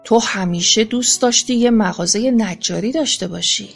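Greedy goldsmith, woman doing the voice, sly, wheedling, storybook tale, high-ish voice. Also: gravelly, slightly rough, soft background music. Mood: sly persuasion. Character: greedy scheming male goldsmith, middle-aged.

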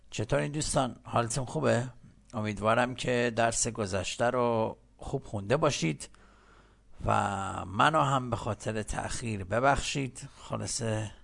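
A man with a Persian accent teaching English in a recorded lesson, slowly repeating words for learners. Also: medium pitch, fairly bright tone. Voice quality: gravelly.

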